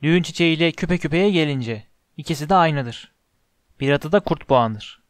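A man voicing a cold, sneering middle-aged potions master in an audiobook, speaking in a low, quiet, contemptuous drawl. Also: lively intonation, normal speed, dry recording, clean studio sound, natural voice. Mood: scornful. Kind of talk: audiobook character reading.

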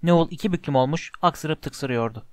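A man reading a story aloud as narrator, in a steady, expressive way. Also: on the high side, fairly quick, no room sound. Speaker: audiobook narrator.

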